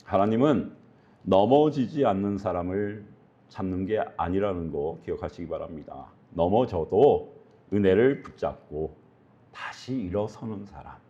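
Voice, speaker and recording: A man's voice: sits low, animated, a little slow, warm tone, highs cut off. A male pastor preaching earnestly, often putting questions to his congregation. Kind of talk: sermon.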